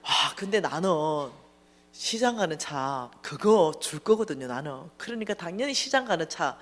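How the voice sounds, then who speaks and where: A woman giving a lively, humorous testimony sermon in a church, acting out dialogue as she tells the story. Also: on the low side, moderate pace, a little hiss or hum. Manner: animated storytelling, acting out dialogue, bursts of laughter. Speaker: church finance lecturer.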